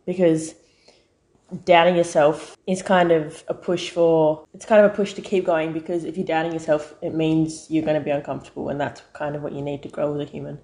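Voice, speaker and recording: Low-voiced young Australian woman. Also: flat delivery, fairly quick, mellow. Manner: earnest, encouraging. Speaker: guest. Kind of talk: casual interview chat.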